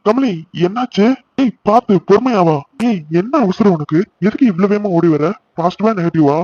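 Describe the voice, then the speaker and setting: A man's voice: high-pitched, normal speed, a little mellow, no room sound, muffled recording. A man voicing a young cartoon husband, eager and affectionate, teasing his wife playfully. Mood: coaxing. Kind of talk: cartoon voice acting.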